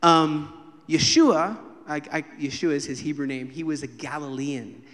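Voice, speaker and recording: Male preacher in a sanctuary, slightly high voice, lively storytelling sermon, long church reverb. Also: normal speed. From United States. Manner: animated, acts out quoted voices and jokes with the congregation. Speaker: guest preacher. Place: church sanctuary during a live service.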